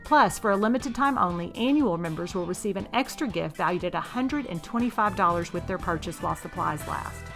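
A woman's voice: fairly low pitch, expressive, a little fast, few pauses, fairly bright tone, soft background music. A woman reading a scripted, hard-sell sponsor ad as a personal endorsement on a podcast. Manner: promotional hard-sell ad read.

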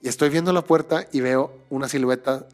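A man tells a personal story on a casual podcast. He speaks in an animated way, restarting phrases and repeating words while he searches for the thread. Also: medium pitch, brisk, soft background music. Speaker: podcast host.

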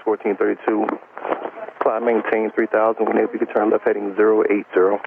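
Male air traffic controller, radio transmission, monotone low voice, clipped phraseology, phone-thin sound. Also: brisk. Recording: tinny radio with faint hiss.

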